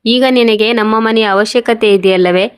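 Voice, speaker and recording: A woman's voice: a little high, fairly even intonation, normal speed, clean tone, dry recording, studio quality, close to an everyday voice. A woman reading the lines of a cold, scornful young sister-in-law in a storybook tale, curt and accusing.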